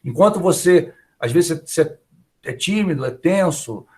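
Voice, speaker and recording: A university professor with a Brazilian Portuguese accent gives an online class lecture in a chatty, conversational style, often ending sentences with little check-in questions. His voice is slightly high and expressive, a bit mellow, and moves at a normal speed.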